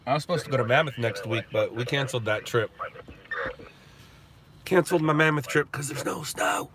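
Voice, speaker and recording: A middle-aged host chats loosely on a live stream from inside his car while driving, sniffling and stuffed up as he reads viewer chat and answers aloud in a rambling manner. His mid-range voice moves a little fast over a noisy background.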